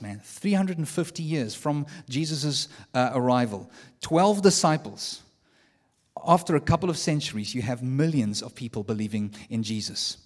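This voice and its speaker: A man preaching a sermon in a loose, conversational way, dropping in slang and reading quotes aloud. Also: medium pitch. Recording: long hall reverb.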